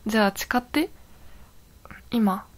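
In an intimate role-play audio drama, a woman with a mid-range voice plays a young, possessive yandere girlfriend who sounds sweet, clingy and eerily obsessive.

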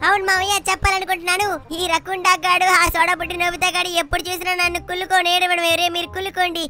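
A very high, squeaky little-boy cartoon voice put on by a woman, cheeky and boastful. He talks fast and bright, shouting and teasing his friends over a video game. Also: flat delivery. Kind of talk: GTA game play-along voicing.

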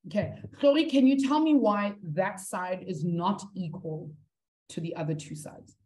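Mellow woman teaching maths. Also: on the low side, unhurried. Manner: encouraging, talks to students through the chat. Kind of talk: live online maths lesson.

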